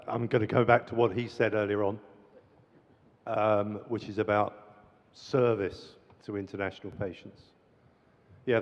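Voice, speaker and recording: A man on a conference panel speaking conversationally and with enthusiasm. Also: on the low side. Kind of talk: panel discussion. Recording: muffled hall reverb.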